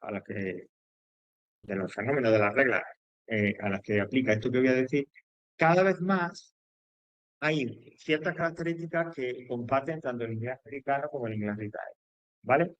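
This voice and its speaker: Casting note: Spaniard, male teacher mid-lesson, mid-pitched voice, dry close sound. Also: moderate pace, dry recording, lo-fi sound. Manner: explanatory, with frequent fillers, restarts and checks like "¿vale?". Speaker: English teacher. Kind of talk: classroom grammar lesson.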